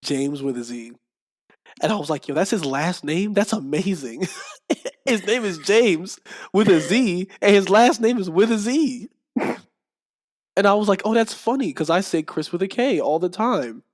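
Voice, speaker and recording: Animated young man telling stories. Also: sits high, normal speed. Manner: animated, laughs often, acts out quoted dialogue. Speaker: podcast guest, streamer. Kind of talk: casual storytelling chat.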